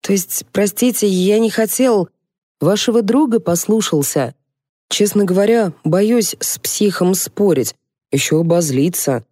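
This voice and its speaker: A woman's voice: medium pitch, expressive, a little slow, warm tone, no echo, clean studio sound, voice pushed up. A woman reading an audiobook, voicing a timid male building foreman who speaks meekly and apologetically. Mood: apologetic. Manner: meek, apologetic.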